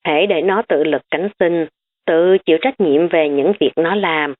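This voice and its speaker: A woman's voice: low-pitched, unhurried. A woman voicing a stern elderly grandmother who lectures her family firmly. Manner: firm, lecturing. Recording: tinny phone-like recording.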